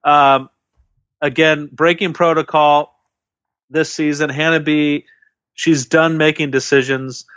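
A podcast co-host recaps a reality dating show in casual conversation, rambling and often restarting his sentences midway. His voice is fairly high, clear, resonant and fairly bright, with a level tone, a slow pace and frequent pauses. The recording has a dull, lo-fi sound.

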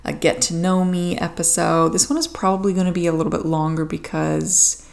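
A woman's voice: lowish voice, flat delivery, fairly quick, gravelly. A young adult woman with a Canadian accent hosting a solo podcast, chatting casually in a rambling, informal, self-deprecating way. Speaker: podcast host. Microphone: podcast microphone with pop filter.

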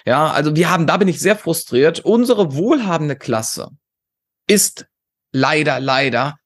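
This interview guest, a German man who founded a conference, sounds a little high and a bit bright, with lively intonation. He takes his time yet stays outspoken and emphatic, posing rhetorical questions as he gives his views.

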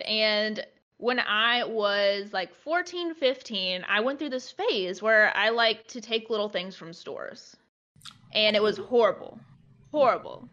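Chatty young woman, bright voice. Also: mid-range voice, muffled recording. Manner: chatty, heavy use of "like" fillers. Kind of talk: casual storytelling chat.

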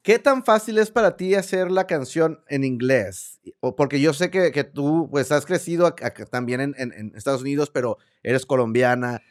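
A man's voice: medium pitch, moderate pace. A man hosting an interview, asking questions with friendly, stumbling restarts. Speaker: interview host. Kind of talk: casual interview.

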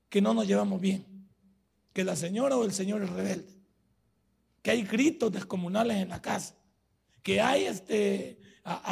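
A man's voice: high voice, vocal fry, darkish tone, slightly rough. A man with a Salvadoran Spanish accent, a pastor preaching a sermon in a folksy way, full of everyday stories from home.

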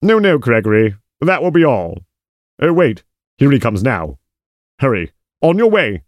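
An exasperated, formal schemer played by a man from a comic audio melodrama, secretive and terse. The medium-pitched voice swings expressively with disapproval and sits dry and close. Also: very animated, measured pace, no echo. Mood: exasperated, hushed urgency. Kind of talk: comic audio drama acting.

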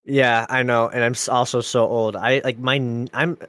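A man's voice: mid-range voice, little pitch movement, moderate pace, fairly bright tone, no room sound, studio quality. A man in his twenties co-hosting a casual podcast chat, laid-back and swearing freely. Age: 20s. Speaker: podcast co-host.

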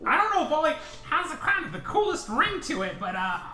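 A man's voice: extremely high pitch, big pitch swings, a little fast, pushed and bright, roomy sound, soft background music, voice pushed up, heavily acted. A man voicing an overeager male scoutmaster who is cheery and insistent. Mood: chipper. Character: overeager adult male scoutmaster, chipper and pushy.

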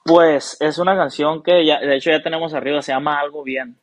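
A young man, chatting casually as a guest musician, relaxed and full of fillers. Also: on the high side, fairly quick, no echo. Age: young adult. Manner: relaxed, slangy storytelling with many fillers. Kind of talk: casual interview chat.

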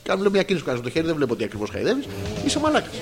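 High, lively mock-vain man. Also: music in the background. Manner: mock-vain, teasing, swearing, bursts of laughter. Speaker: podcast co-host. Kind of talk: comedic banter.

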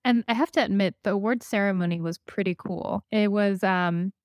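A woman's voice: mid-range voice, moderate pace, dry recording, clean studio sound. A woman guest on a podcast, a former co-host, chatting casually and upbeat with many fillers. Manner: upbeat, with frequent fillers and laughs.

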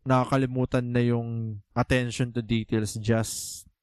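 A man with a Filipino accent chatting casually about films, animated and full of rhetorical questions. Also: medium pitch, measured pace, clean tone, no echo, studio quality. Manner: animated, mixes English into speech, rhetorical questions. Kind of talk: casual chat.

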